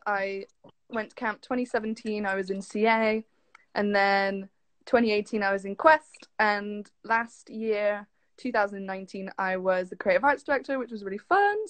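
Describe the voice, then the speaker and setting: A young woman from southwest England, a guest who used to work at a camp, shares fun facts in a casual, giggly way with an English accent. Her mid-range voice moves a little slowly on a dry recording.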